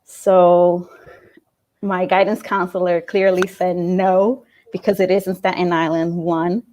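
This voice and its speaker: A woman in her late twenties from New York City, talking in a casual interview about her school days, thoughtful, with frequent fillers and soft laughs. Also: fairly low pitch, little pitch movement, measured pace. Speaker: interview guest, alumna.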